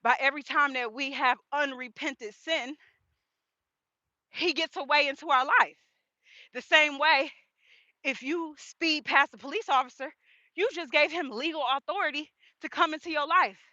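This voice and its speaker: A woman's voice: high voice, moderate pace, sharp tone, no echo, highs cut off. A woman, chatting about her faith in a casual walk-and-talk vlog. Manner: chatty, faith-focused, laughs often. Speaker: vlogger. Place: outdoors on a walk.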